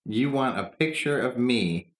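A man's voice: mid-range voice, lively intonation, measured pace. A man trading dry, teasing banter as a guest on a casual podcast. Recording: roomy echo.

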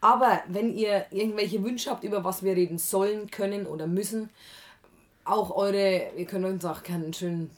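A woman's voice: medium pitch, steady tone, normal speed. A woman co-hosting a podcast in casual chat, blunt and crude. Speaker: podcast co-host.

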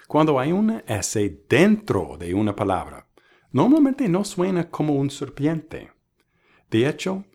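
A man teaching English pronunciation in a bilingual lesson, modeling each word slowly and contrasting wrong and right versions. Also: lowish voice, a little mellow, breathy edge. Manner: slow, deliberate, models words by contrast. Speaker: language teacher.

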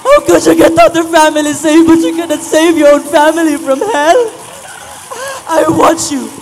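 A performer in a church drama skit playing a tormented soul in hell, sobbing and shouting pleas to family. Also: very high voice, steady tone, a little slow, gravelly, very noisy, heavily acted. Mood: anguished pleading. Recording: loud music underneath.

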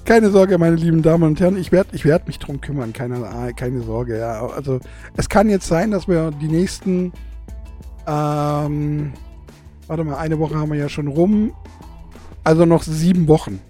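Faint music plays behind a podcast host talking solo and casually into a studio mic, his tooth-gap lisp audible as he laughs a lot and mocks himself. His voice is a little high and dark in tone, and he speaks a little slowly.

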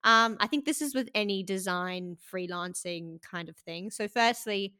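A woman's voice: mid-range voice, moderate pace, clean tone. A young woman, a podcast guest gushing through stories in a casual chat full of "like" fillers. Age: young adult. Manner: excitable, gushing storyteller with many "like" fillers.

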